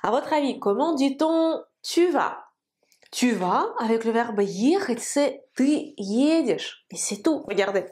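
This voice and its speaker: Slow-spoken woman teaching pronunciation. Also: on the high side, big pitch swings, darkish tone. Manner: slow, deliberate pronunciation drills, repeating words. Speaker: Russian teacher. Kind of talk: language lesson.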